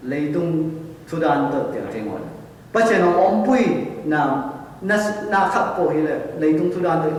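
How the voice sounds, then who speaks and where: A man preaching a sermon as a pastor in a church, speaking slowly and deliberately. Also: high voice. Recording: echoey church hall, distant mic.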